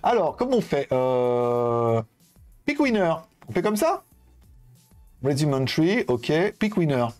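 A man's voice: mid-range voice, sing-song, measured pace, darkish tone, soft background music. A young man chatting casually with viewers while hosting a live-stream giveaway, rambling and informal, with lots of fillers. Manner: addresses viewers directly.

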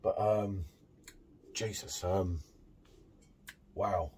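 A middle-aged man chatting excitedly while reviewing a beer at a home bar, full of tag questions. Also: deep voice, extremely slow, slight background noise. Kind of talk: casual beer tasting chat.

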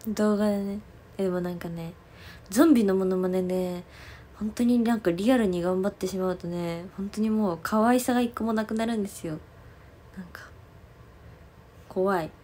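A woman's voice: mid-range voice, moderate pace, long pauses, dark tone. A young woman livestreaming as an idol, chatting casually in a giggly, rambling way with lots of fillers.

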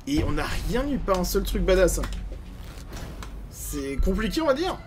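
A man giving casual gameplay commentary as a gaming YouTuber, animated, grumbling and swearing at bad loot. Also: high-pitched, a little slow, soft background music.

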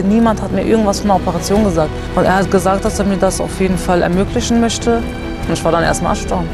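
Woman, twenties, from Germany; candid and slangy, mid-pitched, outdoor lapel mic over a music bed. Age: 20s. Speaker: patient telling her story. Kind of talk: documentary interview. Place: garden outdoors.

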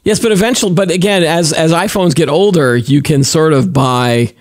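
A man's voice: on the high side, moderate pace, no room sound, clean studio sound. A middle-aged man co-hosting a tech podcast, chatting casually in a rambling, self-correcting way. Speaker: podcast co-host.

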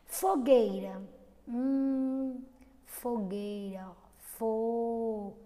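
A woman teaching young children in an online lesson, with a Brazilian accent, stretching out syllables slowly. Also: a little high, steady tone, warm tone, long reverb tail. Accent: Brazilian Portuguese. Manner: slow, drawn-out syllables for children. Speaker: kindergarten teacher.

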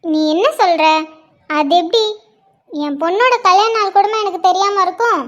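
A woman voicing a calm, matter-of-fact middle-aged mother in a cartoon, speaking lower than her girl character. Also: normal speed.

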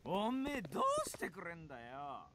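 A man's voice: fairly high pitch, huge pitch swings, moderate pace, background noise. A man voicing a rude, threatening young bully gamer in a Japanese anime game, with a drawling street-tough delivery. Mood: sneering.

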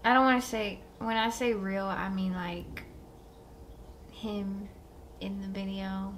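Woman, slow pace, bright tone, laid-back, faint background hiss. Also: mid-range voice, fairly even intonation. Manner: laid-back, short remarks, laughs easily. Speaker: co-host reacting to a music video. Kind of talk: casual reaction chat.

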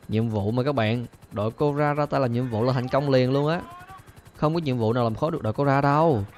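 A man hosting a gaming channel, chattering excitedly to viewers as he plays and repeating his phrases, with faint game gunfire behind him. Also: medium pitch, a little hiss or hum. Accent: Vietnamese. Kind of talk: excited gameplay commentary.

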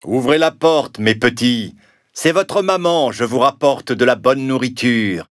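Un homme qui joue un loup affamé et rusé dans un dessin animé, à la voix mielleuse et fausse. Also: male voice, medium pitch, measured pace, dry recording, clean studio sound, natural voice. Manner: fake-sweet, scheming. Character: sly hungry male wolf. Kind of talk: cartoon voice acting.

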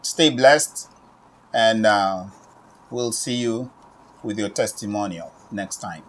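Standing in his own shop, a Congolese man in his forties pitches an online training course straight to a camera set at medium distance. He speaks slowly and urgently, repeating himself and ending lines with "okay?", while a little background noise can be heard.

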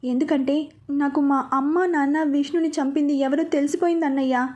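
A woman's voice: sits high, fairly even intonation, fairly quick, darkish tone, lightly acted. A woman voicing a grieving young wife who speaks earnestly and firmly, in a storybook reading. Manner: earnest, pleading.

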